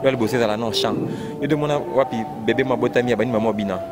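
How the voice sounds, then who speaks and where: Congolese man talking over loud music. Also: mid-range voice, quick pace. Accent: Congolese French. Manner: animated, repetitive, exclaiming. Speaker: fan discussing rumba music. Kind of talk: casual chat mixing French and Lingala. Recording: loud music playing behind.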